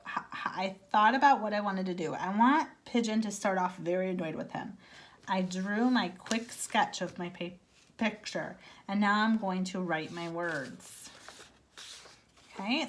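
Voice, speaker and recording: A woman's voice: medium pitch, fairly bright tone. A woman teaching a writing lesson to young children, speaking patiently and sounding out letters one at a time. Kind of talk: early-grades writing lesson. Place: at home, filming with a phone.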